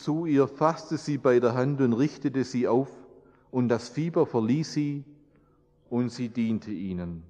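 A man's voice: medium pitch, darkish tone. A man preaching a sermon and praying, in an earnest, repetitive preaching cadence. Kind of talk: sermon with prayer. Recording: long reverb, dull lo-fi sound.

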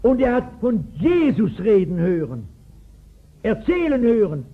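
Man in his 60s, pastor, storytelling sermon, emphatic, high-pitched, tinny lo-fi 1960s recording. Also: sing-song, measured pace, soft background music. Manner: storytelling, emphatic, asks the audience.

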